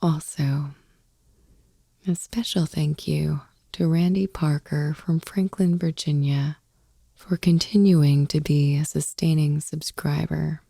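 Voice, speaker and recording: Poetry is read slowly by a sleep ASMR podcast host, a woman whose low-pitched, breathy whisper stays soft, soothing and steady in tone. She sits close to the microphone, and the recording is dry.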